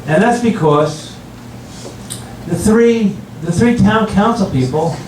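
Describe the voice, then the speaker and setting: An older man performing stand-up comedy in front of an audience, telling stories with halting restarts and repeated phrases. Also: high-pitched, lively intonation, a little mellow. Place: room with an audience, recorded from a distance. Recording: roomy, distant mic, very noisy.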